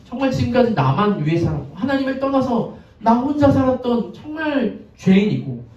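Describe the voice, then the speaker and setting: A male pastor preaches in a relaxed, conversational way, stopping to ask his listeners questions. His voice sits high and swings widely in pitch, with a soft, dark tone. He is recorded from a distance in an echoey church, and the sound comes through dull and lo-fi. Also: moderate pace. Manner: chatty, asks the congregation questions, acts out scenes. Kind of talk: conversational sermon. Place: church sanctuary.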